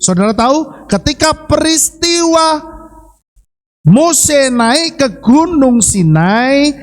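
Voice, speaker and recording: Male pastor, Javanese accent, lively preaching, rhetorical questions, swooping pitch. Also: slow. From Central Java, Indonesia. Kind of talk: sermon.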